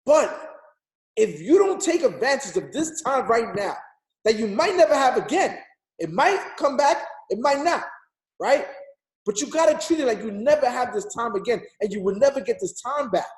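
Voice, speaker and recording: A man's voice: very high voice, big pitch swings, normal speed, roomy sound. A man in his thirties giving an emphatic, repetitive motivational talk on a group call, urging listeners like a preacher. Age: 30s. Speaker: motivational speaker.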